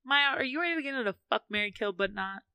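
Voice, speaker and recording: Bright, teasing woman co-host. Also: fairly high pitch, expressive, clean tone, dry recording. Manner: laughing, teasing, quick reactions. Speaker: podcast co-host. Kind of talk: casual chat.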